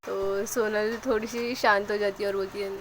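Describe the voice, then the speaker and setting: A woman narrating a love story, voicing the characters' lines with lively energy. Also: mid-range voice, moderate pace, a little hiss or hum, poor audio.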